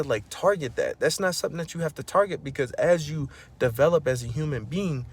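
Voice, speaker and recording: His voice has a breathy edge as he vlogs a casual, preachy pep talk packed with slang, often repeating "bro" and "you know what I'm saying." Once he's fired up, he gets loud and high.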